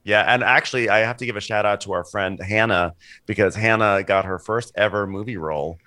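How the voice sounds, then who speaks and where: A man's voice: lowish voice, brisk, sharp tone, no room sound, clean studio sound. A man co-hosting a podcast in casual chat, talking loosely with lots of "like" and "sort of" and acting out quotes. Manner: chatty, heavy on "like" and "sort of", acts out quotes. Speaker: podcast co-host.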